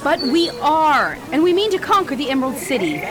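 Girl army general, played by a woman, bold and commanding, high swooping theatrical voice, noisy crowd behind. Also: sing-song, fairly quick. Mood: defiant. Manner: declamatory, commanding. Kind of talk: theatrical audio drama acting.

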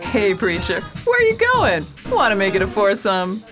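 A woman's voice: medium pitch, wildly swooping pitch, moderate pace, music in the background. Sadie, a flirty bar-room tease played by a woman. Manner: flirty, teasing, loud. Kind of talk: radio play acting.

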